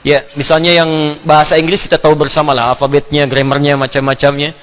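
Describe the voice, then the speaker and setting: A middle-aged man giving an animated religious lecture, often laughing and sounding out letters. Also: on the high side, fast. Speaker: Islamic preacher.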